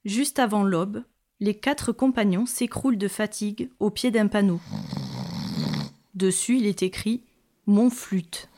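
A woman reading a children's story aloud in a lively, expressive way. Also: mid-range voice, unhurried.

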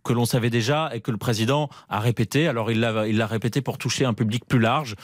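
A man's voice: mid-range voice, steady tone, fast, no room sound, clean studio sound. A man giving live radio analysis as a political correspondent.

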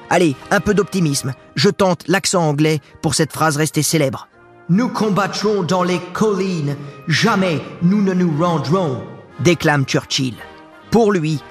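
Chatty man narrating history over soft music. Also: a little high. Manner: chatty, addresses the listener directly. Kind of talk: scripted history narration with casual asides.

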